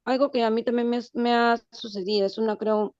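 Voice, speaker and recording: Halting woman student on a dull line. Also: on the high side, steady tone, a little mellow, no echo. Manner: rambling and halting, with many "este" fillers. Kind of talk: class discussion. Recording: dull, lo-fi sound.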